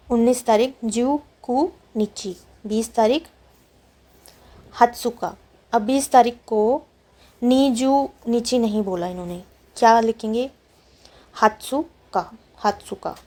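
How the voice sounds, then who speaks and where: Slow, mellow-voiced woman language teacher. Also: on the high side. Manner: repeats words slowly and explains them patiently. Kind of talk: slow, careful vocabulary lesson.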